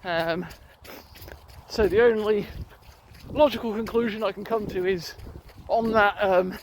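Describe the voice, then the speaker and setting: High-voiced British man talking while running outdoors. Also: steady tone, unhurried. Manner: hesitant, rambling, thinking aloud. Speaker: running vlogger. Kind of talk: casual unscripted vlog chat. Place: outdoors on a rural riverside footpath. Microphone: handheld phone or recorder on the move. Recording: noisy outdoor handheld recording, clicks.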